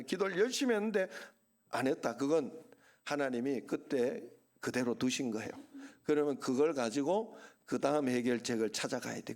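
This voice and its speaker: A man's voice: a little high, a little mellow. Conversational Gyeongsang-accented male pastor. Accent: Gyeongsang Korean. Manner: conversational preaching with rhetorical questions and asides. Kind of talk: Sunday sermon.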